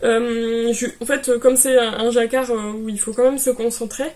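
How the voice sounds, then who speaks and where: A woman vlogger talks casually about her knitting projects, filling pauses and restarting her sentences as she goes. Her voice sits a little high, and she speaks easily to the camera. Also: little pitch movement, a little mellow. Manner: chatty, many fillers and restarts. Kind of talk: casual vlog chat.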